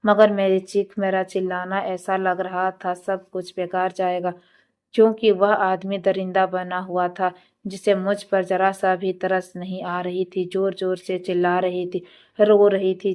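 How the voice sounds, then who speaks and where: A woman narrating a dramatic story in the first person, with a steady, even reading. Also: fairly low pitch, a little slow.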